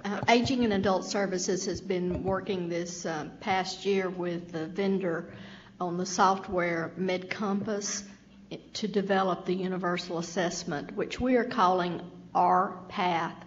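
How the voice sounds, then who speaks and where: A woman with a Southern US accent, presenting a state program update at a public meeting in a measured, explanatory way. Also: fairly low pitch, steady tone. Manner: measured, explanatory, occasional stumbles. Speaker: state agency official presenting. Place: meeting room. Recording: dull, faintly noisy, long hall reverb.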